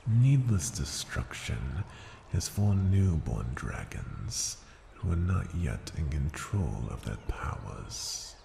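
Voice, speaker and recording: In a fantasy ASMR roleplay, an ancient, imperious male dragon speaks in a very deep, gravelly, mellow voice that is breathy at times, with big pitch swings in a full character performance. He is slow, formal and deliberate, sounding intrigued, amused and composed. Long cavernous reverb surrounds him, with faint ambient noise.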